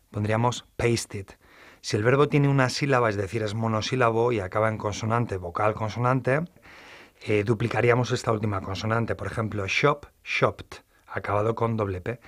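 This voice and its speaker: A man's voice: on the low side, fairly bright tone. Methodical male English teacher. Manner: measured, methodical explanations with slow English example sentences. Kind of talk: explaining grammar in a studio lesson.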